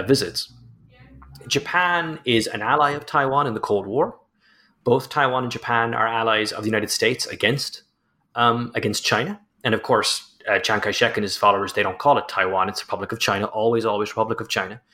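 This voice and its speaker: A man's voice: on the low side, fairly quick, pushed and bright. A man, the author guest, explaining and telling anecdotes in a chatty way, peppered with "you know". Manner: chatty, storytelling, frequent "you know" and laughter. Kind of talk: conversational explanation in an interview.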